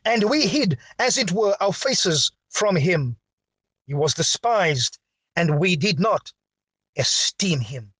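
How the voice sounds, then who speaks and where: A man preaching a sermon with a dramatic, drawn-out delivery and big swings in pitch. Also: lively intonation, fairly bright tone, breathy edge, no echo.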